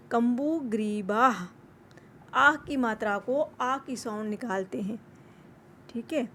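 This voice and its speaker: A woman's voice: high voice, slight background noise. A woman teaching an online lesson, repeating each word for pronunciation and mixing English words into her explanations.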